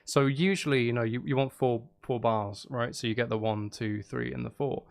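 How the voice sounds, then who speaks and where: A gravelly mid-range voice with fairly even intonation and normal speed comes from a man composing music on a casual live stream. Music plays behind him as he reasons aloud, counting and humming out rhythms.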